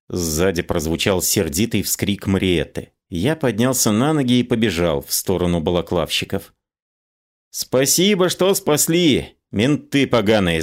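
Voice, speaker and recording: A man reading a first-person audiobook narration in a wry, even storytelling manner. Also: deep voice.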